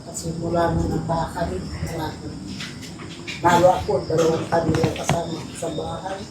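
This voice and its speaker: A woman visitor in casual chat, speaking softly, apologetic and tearful. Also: low voice, monotone, fairly quick, reverberant, recorded from a distance, very noisy. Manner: apologetic, soft-spoken, tearful.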